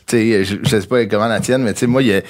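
A man's voice: fairly low pitch, fairly even intonation, racing. A man from Quebec with a Quebec French accent, hosting a casual podcast chat, agreeing a lot and chatting loosely. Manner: chatty, many fillers of agreement, laughs along.

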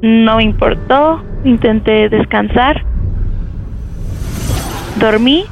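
A woman's voice: a little high, gravelly, soft background music. Young woman caller, dull phone line. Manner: halting, repeats words when tense. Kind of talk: telling a personal ghost story.

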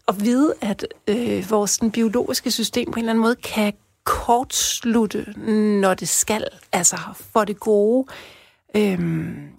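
A young woman from Denmark tells a personal story in a loose, chatty way, full of fillers. Her voice has a gravelly fry, and she slips from hushed tones into bursts of excitement. The sound is dry and close. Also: medium pitch, dry recording.

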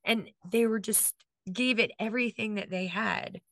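A woman's voice: mid-range voice, fairly even intonation, normal speed, no room sound. A woman from Hawaii, a guest in an interview, talking in a rambling, heartfelt way with many asides and close to tears. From Hilo, Hawaii. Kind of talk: casual interview talk.

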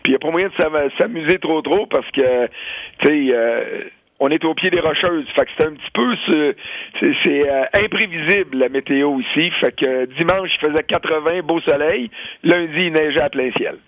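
A man's voice: on the high side, normal speed, no echo, dull audio. A man with a Québécois accent, chatting casually as a correspondent over a remote line, with a hesitant way of talking and many restarts.

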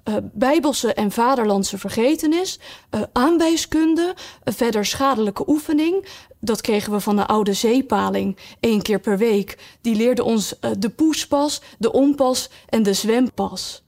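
A woman voicing a sad, sighing old male mock turtle who tells his tale slowly and mournfully. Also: fairly high pitch, expressive, darkish tone. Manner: slow, sighing, mournful telling.

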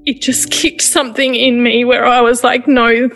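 A woman, retelling a painful personal experience in a halting, emotional way, with frequent restarts. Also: fairly high pitch, level tone, fairly bright tone. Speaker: interviewee. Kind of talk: personal testimony.

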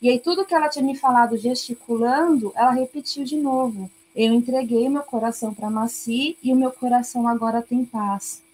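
A woman missionary telling a lively testimony, acting out the voices in her story. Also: a little high, brisk, few pauses, husky, rough recording. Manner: animated, acts out her own lines. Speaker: missionary guest.

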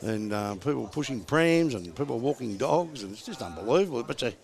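A man's voice: mid-range voice, very animated, a little fast, creaky, darkish tone. A man with an Australian accent hosting a casual podcast chat in a laconic, drawling country manner. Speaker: podcast host.

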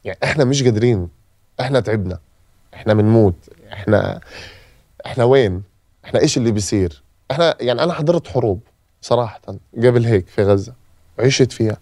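Fast-talking Palestinian man, emotional testimony. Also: mid-range voice, animated, a little mellow, no echo, clean studio sound. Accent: Palestinian Arabic. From Gaza, Palestine. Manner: emotional, repeating phrases for emphasis. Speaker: guest. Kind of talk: personal testimony in a podcast interview.

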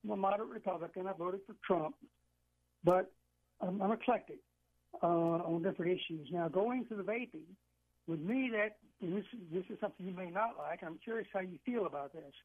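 Male caller from Georgia, high voice, tinny phone line, emphatic and insistent. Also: a little fast. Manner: emphatic, insistent, repeats himself. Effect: heard over a phone line. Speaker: radio call-in caller. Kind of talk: call-in opinion talk.

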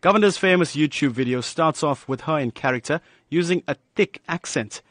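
A man's voice: on the high side, fairly quick, fairly bright tone, no room sound. Male news reporter, dry studio voice. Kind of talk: scripted news narration.

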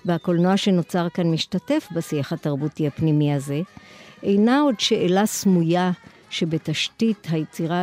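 A woman with an Israeli accent delivers a scripted academic lecture in a formal, articulate manner, in long measured sentences. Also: fairly low pitch, dark tone.

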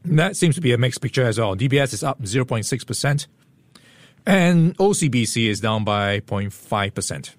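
A man co-hosting a radio market report, brisk and lightly playful, a little hoarse. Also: mid-range voice, lively intonation, no room sound. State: slightly hoarse. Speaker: market news co-host. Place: radio studio. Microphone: studio microphone.

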